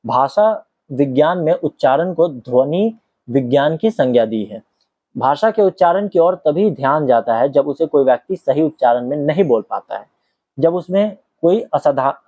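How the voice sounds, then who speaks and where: This teacher, a man from Bihar, India, reads an acting book aloud and breaks off into casual explanatory asides, often checking "ठीक है?". He has a slightly high voice with a darkish tone, and the recording sounds dull, lo-fi and dry.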